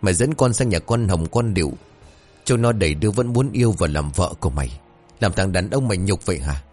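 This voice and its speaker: A man's voice: low-pitched, animated, a little fast, darkish tone, slightly rough, faint music behind. A man voicing a proud, harsh middle-aged mother who scolds in an exasperated way in a told ghost story. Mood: scolding.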